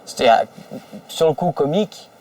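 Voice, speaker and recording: A man's voice: on the high side, expressive, normal speed, darkish tone, no echo. A man telling colloquial anecdotes in an informal documentary interview, as a member of an expedition. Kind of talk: informal spoken recollection. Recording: dry, slightly distant microphone.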